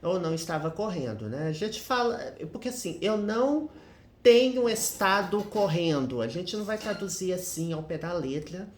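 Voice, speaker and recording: A man's voice: sits high, lively intonation, normal speed. A man explaining English grammar step by step, checking in with listeners through frequent tag questions. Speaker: English teacher. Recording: roomy echo.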